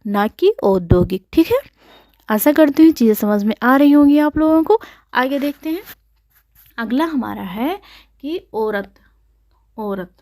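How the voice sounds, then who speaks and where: A woman's voice: fairly high pitch, warm tone. Woman teaching Hindi spelling, quizzing herself. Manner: repeats each word slowly, asks and answers own questions. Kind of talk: exam-prep Hindi spelling lesson.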